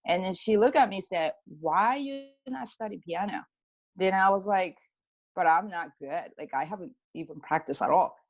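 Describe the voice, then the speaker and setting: The recording is muffled, but you can hear a middle-aged woman from Japan speaking at a moderate pace in a medium-pitched voice with a Japanese accent. As an interview guest who works as a pianist and energy healer, she shares personal stories informally, sprinkling in "like" and performing quoted dialogue.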